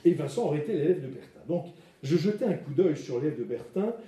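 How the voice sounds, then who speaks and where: Guy lecturing on art, lively pitch, lots of hein, mic far off in a roomy hall. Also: quick pace. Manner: chatty, many fillers and repeated "hein". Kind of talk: lecture to a class.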